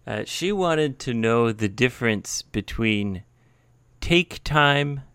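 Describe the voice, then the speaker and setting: A man co-hosting a podcast, explaining English usage in a casual chat with dry, deadpan humor. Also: mid-range voice, very slow, smooth, no echo. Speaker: podcast co-host, English teacher.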